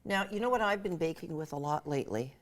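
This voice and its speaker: A woman's voice: low voice, animated, fast, heavy background noise. A woman cooking expert, a guest on a TV cooking segment, who is chatty and enthusiastic and laughs easily. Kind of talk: studio cooking segment chat.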